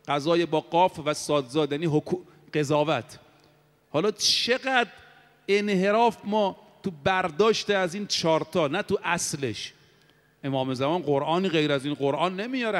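A man preaching a sermon to a congregation, who slows down to draw out Arabic quotations. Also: sits high. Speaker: cleric preacher. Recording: long hall reverb.

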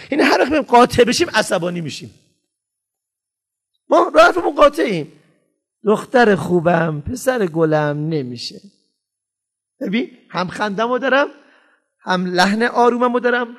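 A man with a high, fairly bright, sing-song voice gives a lively parenting lecture to an audience. His pitch swings widely as he makes his points emphatically and acts out both parents and children.

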